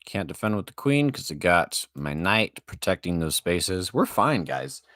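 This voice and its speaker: A man's voice: low voice, sing-song, unhurried, a bit bright, dry recording, studio quality. A young man commentating his own online chess games, swinging between panic and self-hype with self-deprecating jokes. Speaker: chess streamer.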